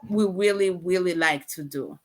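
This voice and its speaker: A woman's voice: fairly low pitch, normal speed. A woman from Canada, a guest in an online interview over a video call, speaking earnestly and repeating her words.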